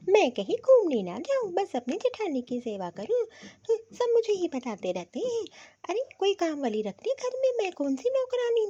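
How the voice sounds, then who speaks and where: A woman's voice: very high voice, mellow, heavily acted. A woman voicing a headstrong young married woman in a cartoon, indignant and sulky. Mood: resentful. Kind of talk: cartoon voice acting.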